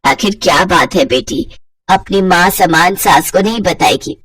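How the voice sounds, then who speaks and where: A woman playing a gentle loving mother-in-law. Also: on the low side, animated, moderate pace, breathy edge, no room sound, studio quality, pitched below the performer's own voice. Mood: gentle soothing. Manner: soft, soothing, affectionate. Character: kind, loving middle-aged mother-in-law.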